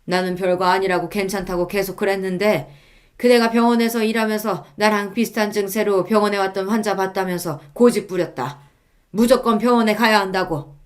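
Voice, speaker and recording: A woman voicing a stern elderly father-in-law who scolds his family in a firm, measured way. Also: lowish voice, fairly even intonation, close to an everyday voice.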